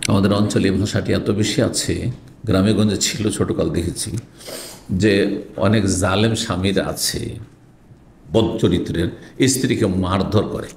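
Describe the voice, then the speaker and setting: A man's voice: sits low, steady tone, measured pace, vocal fry, long pauses, darkish tone, slight background noise. A middle-aged man, an Islamic scholar, giving a hadith lesson. He reads Arabic phrases, explains them, and asks rhetorical questions. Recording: roomy echo.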